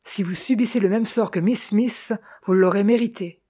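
A woman's voice: fairly low pitch, moderate pace, breathy edge. A woman reading an audiobook voices a proud male crime writer who speaks insolently and with cutting anger. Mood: indignant. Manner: insolent, sharp and heated.

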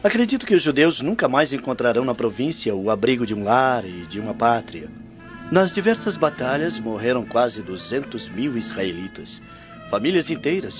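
In a radio drama, a man plays a Roman nobleman who is compassionate yet critical, delivering his lines gravely and declamatorily with a grave, indignant mood. His medium-pitched voice swings hugely in pitch at a moderate pace. The audio is muffled, with music in the background.

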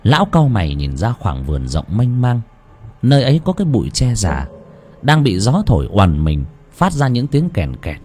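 A man narrating a ghost story in an expressive, dramatic way. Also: normal speed, husky. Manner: expressive, swooping between high and low.

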